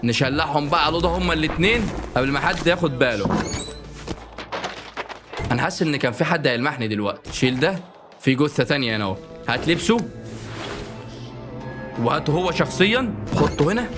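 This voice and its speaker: A man with an Egyptian Arabic accent giving joking let's-play commentary, often bursting into panicked repeated shouts. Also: on the high side, expressive, fast, pauses often. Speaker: gaming YouTuber. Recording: game music playing underneath.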